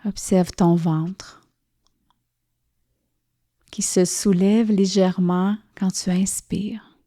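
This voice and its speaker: Leading a guided relaxation meditation, a yoga nidra teacher keeps a steady tone and speaks very slowly and softly, pausing gently between soothing phrases. Her voice is warm, mellow and of typical female pitch.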